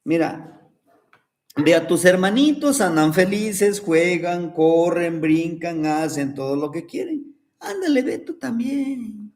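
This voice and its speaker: A man's voice: sits high, expressive, takes it slowly, a little mellow, exaggerated voice. A man voicing a tired, overworked father caterpillar. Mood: weary. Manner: weary, sighing.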